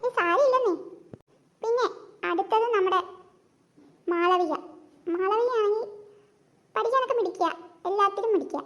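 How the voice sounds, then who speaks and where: A woman voicing a polite, gently fussy female schoolteacher in a cartoon, speaking in a soft, reassuring, explanatory way. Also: extremely high pitch, moderate pace, long pauses. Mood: explaining.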